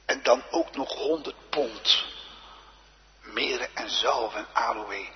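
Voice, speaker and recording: A man preaching a sermon, swinging from loud emphatic exclamations down to hushed whispers. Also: mid-range voice, slow pace, a little hiss or hum. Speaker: pastor. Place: church. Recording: dull lo-fi church recording with long reverb.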